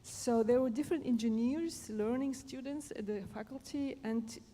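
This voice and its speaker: Mellow woman from Germany, echoey hall. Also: a little high. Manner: halting, searching for words. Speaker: panel speaker on positive psychology. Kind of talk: unscripted panel explanation. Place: conference stage in a large hall. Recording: echoey hall, faint background noise.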